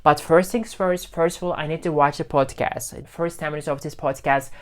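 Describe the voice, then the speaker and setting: In a relaxed, casual teaching vlog, a man whose first language is Turkish explains his learning routine in English. He repeats and rephrases each point two or three ways as he works out how to say it. His fairly high-pitched voice stays friendly and unhurried.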